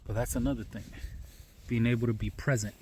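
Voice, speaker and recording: A man vlogging outdoors on a snowy forest trail, cold and tired from the hike, talking in a calm, musing way with frequent "you know" asides into a handheld phone. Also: mid-range voice, fairly quick, slight background noise. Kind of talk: reflective outdoor vlog talk.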